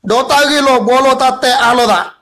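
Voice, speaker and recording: A man's voice: extremely high pitch, fairly quick, fairly bright tone. A man giving a Bible study talk, retelling a story in a rambling, repetitive way with many fillers.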